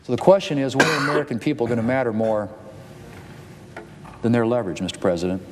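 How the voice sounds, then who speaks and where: A man giving a formal floor speech as a politician, deliberate and emphatic as he lists his points. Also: mid-range voice, in a large hall, noisy background.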